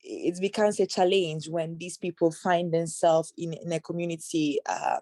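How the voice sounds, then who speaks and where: A woman from Ghana who works in anti-trafficking outreach, answering interview questions in a measured, hesitant way with many fillers, on a video call. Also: fairly low pitch, fairly even intonation, mellow, no room sound.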